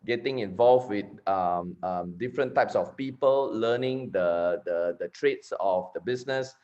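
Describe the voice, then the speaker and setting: A man's voice: lowish voice, measured pace, a little mellow. A man in his forties from Malaysia with a Malaysian accent, giving a chatty recorded conference talk on network marketing, often repeating and restarting words. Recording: slightly dull lo-fi recording.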